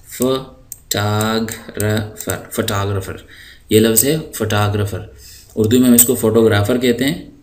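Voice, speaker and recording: Lowish-voiced man teaching vocabulary. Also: a little mellow, slight background noise. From Pakistan. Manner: stretches each vocabulary word out slowly, then explains it; patient, with frequent hesitation fillers. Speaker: English teacher. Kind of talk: recorded vocabulary lesson.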